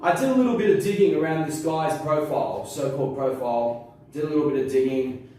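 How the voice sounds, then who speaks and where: A young man talks in a loose, rambling way and swears casually. His voice sits a little high for a man. It sounds very echoey and is caught from well back from the mic. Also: fast talker, mellow. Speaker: interview guest. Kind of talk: casual interview. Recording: very echoey room from far off.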